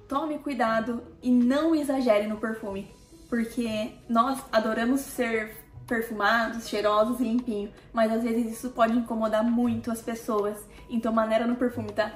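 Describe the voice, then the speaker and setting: A woman from Brazil with a Brazilian Portuguese accent, chatting casually to her viewers as a family vlogger and often checking in with them through little tag questions. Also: on the high side. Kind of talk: casual talk to camera. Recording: roomy echo with faint music.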